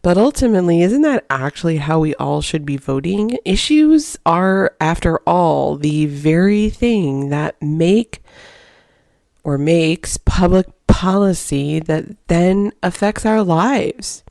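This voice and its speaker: A woman's voice: lowish voice, animated, slow, creaky, darkish tone, no echo. A woman hosting her own podcast, delivering an opinionated, emphatic solo monologue into a close microphone. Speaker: podcast host.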